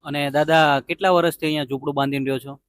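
A man hosting a charity video outdoors by a roadside, interviewing gently and reassuringly and making an earnest appeal to viewers. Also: a little high, steady tone, racing.

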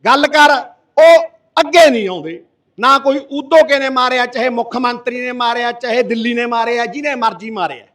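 A middle-aged Punjabi man roars an impassioned protest speech, his voice pitched very high for a man. He speaks from well away from the microphone, so he sounds distant. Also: normal speed. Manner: impassioned, forceful, roaring. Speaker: activist addressing a protest gathering. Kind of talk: fiery public speech. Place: village protest sit-in. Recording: voice from far off the mic.

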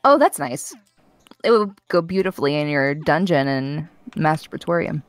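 A woman's voice: deep voice, expressive, normal speed, dry recording. A young woman chatting casually during a game stream, giggly and teasing, laughing often. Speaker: guest streamer. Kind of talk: casual chat while gaming.

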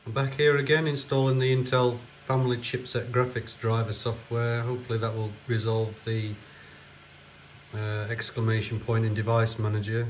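A man's voice: medium pitch, flat delivery, normal speed, a little hiss or hum. A man talking off camera while he works on an old computer, hesitant and full of fillers. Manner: hesitant, many fillers, thinking aloud. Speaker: computer restoration vlogger. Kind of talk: casual off-camera commentary.

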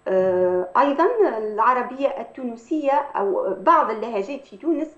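A woman, an Arabic language professor, explains in a measured academic way and often pauses on hesitation sounds. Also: fairly high pitch. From Tunisia. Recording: echoey, dull lo-fi sound.

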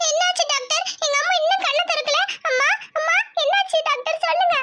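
Brief: woman voicing a frightened cartoon village girl, very high, quick and pleading. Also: very noisy. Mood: tearful pleading. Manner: pleading, crying out for her mother. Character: frightened young village girl Jothi, tearful. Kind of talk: cartoon voice acting.

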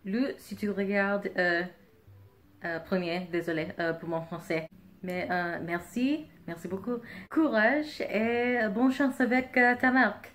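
A woman speaking hesitant, halting French with a foreign accent, indoors in a living room. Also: medium pitch, a bit bright, slight background noise. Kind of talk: halting spoken thanks in French.

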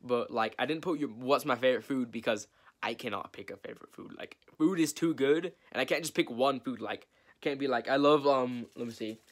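A teenage boy vlogs from his bedroom, chatting through a list of questions about himself. He rambles, teases himself and laughs often, with a voice of ordinary pitch for a young man. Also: a little fast. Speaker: YouTube vlogger. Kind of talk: casual Q&A vlog to camera.

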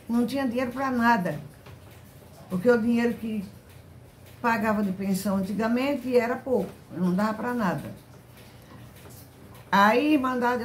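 An older woman giving an emotional, halting religious testimony to her congregation, often repeating herself. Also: on the high side, a little hiss or hum. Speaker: church member giving testimony.

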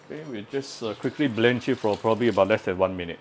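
A man's voice: fairly low pitch, fast talker, a little hiss or hum. A man hosting a casual home cooking demonstration, chatting and explaining as he works, with frequent "uh" fillers. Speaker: home cooking channel host. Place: home kitchen at the stove.

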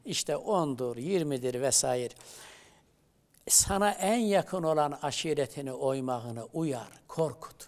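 A middle-aged man, a theology professor, telling religious stories on a studio talk show and reciting Arabic verses with animated emphasis. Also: mid-range voice, slow pace.

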